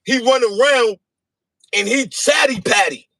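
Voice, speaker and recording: A man in a casual livestream chat, taunting in an animated, sing-song way. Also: very high-pitched, a little slow, vocal fry, no room sound. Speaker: podcast guest. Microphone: phone livestream.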